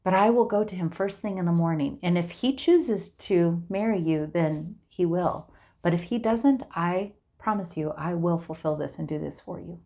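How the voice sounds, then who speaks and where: A woman's voice: on the low side, moderate pace, mellow, lightly acted. A woman voicing a humble, grateful older male landowner, speaking earnestly in a raised voice. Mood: humbled, earnest.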